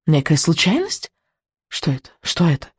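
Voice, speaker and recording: A woman voicing a gloating evil witch who hisses and drags out her words slowly. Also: low voice, huge pitch swings, husky, no room sound, studio quality, full character voice. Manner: slow, drawn-out, venomous hiss.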